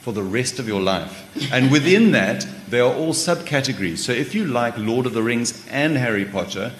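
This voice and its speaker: A man's voice: mid-range voice, lively intonation, normal speed. A South African man speaking informally on a panel as a publisher, discursive and a little hesitant. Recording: echoey hall, far reverb, faint noise.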